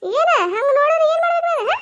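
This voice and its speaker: A furious middle-aged cartoon village woman, shrill and very high-pitched, voiced by a woman. She scolds in quick bursts of rhetorical questions. Her voice sits extremely high and the pace stays fast. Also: lively intonation, a bit bright, muffled recording. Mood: furious scolding.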